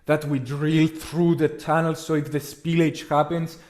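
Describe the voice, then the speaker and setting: A man hosting a podcast in casual, rambling chat, crude and animated when joking. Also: on the high side, a little slow. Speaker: podcast host.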